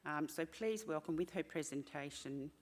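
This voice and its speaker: A woman hosting an event, introducing the next speaker in a halting way with frequent asides. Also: low-pitched.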